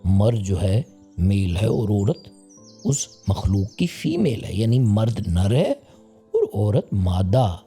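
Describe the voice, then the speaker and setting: A man's voice: fairly low pitch, very animated, warm tone, slightly rough, soft background music, full character voice. A man voicing a small male bird who patiently explains things to his wife. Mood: explaining.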